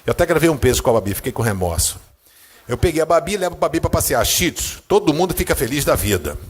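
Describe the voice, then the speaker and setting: A man preaching in a church with a Brazilian Portuguese accent, telling a personal story, acting out the scenes and swinging from a low murmur to high, excited bursts. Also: fast talker, breathy edge. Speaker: pastor.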